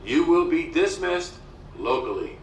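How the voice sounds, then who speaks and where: A man making a formal ship loudspeaker announcement to the crew, measured and repeating each instruction. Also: a little high, very animated. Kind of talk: formal public address. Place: heard over a ship's deck loudspeakers. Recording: echoey loudspeaker from far off, faint background noise.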